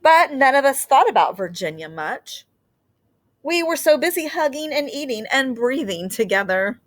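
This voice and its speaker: A woman's voice: high-pitched, big pitch swings, normal speed. Woman reading a picture book aloud. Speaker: teacher reading aloud to children.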